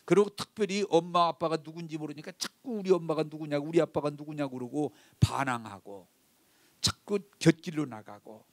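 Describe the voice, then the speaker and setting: A male pastor talks fairly quickly in a fairly high-pitched voice, preaching a sermon built around a moving story told directly to the congregation. The recording is dry.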